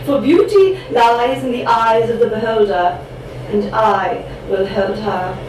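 Speaking slowly in a fairly high voice, a young Cork woman delivers her spoken word poetry rhythmically and dramatically. Between poems she chats casually. The recording comes from a distance in an echoey room, with noise in the background.

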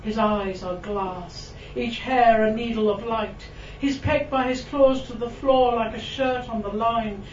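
A Welsh woman poet reads to an audience, her voice on the high side, steady and somewhat dark. She chats between poems in a self-mocking way with frequent ums and little laughs, then reads the verse slowly and lingeringly in the room. The sound is distant, roomy and dull, with background noise.

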